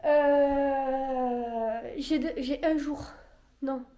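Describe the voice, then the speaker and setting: A woman's voice: sits high, fairly even intonation, extremely slow, warm tone, highs cut off. Stuffy-nosed young woman vlogging sick. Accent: regional French. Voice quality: nasal, blocked-nose sound. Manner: chatty, rambling, self-deprecating. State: stuffy nose, sick with a cold. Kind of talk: casual vlog chat. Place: at home.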